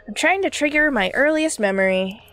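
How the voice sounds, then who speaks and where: A woman's voice: sits high, expressive, fairly quick, fairly bright tone, no room sound, faint music behind. A woman reading game dialogue aloud, voicing a baby character as a world-weary old man who rambles through his stories.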